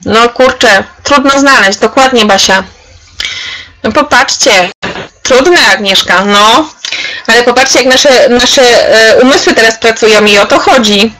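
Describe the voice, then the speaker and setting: A woman runs a live online workshop in a bright, forceful voice that sits fairly high. She talks slowly and deliberately, cheering participants on by name as she demonstrates. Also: rough recording. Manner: chatty and encouraging, addresses participants by name. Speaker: trainer leading a webinar for teachers.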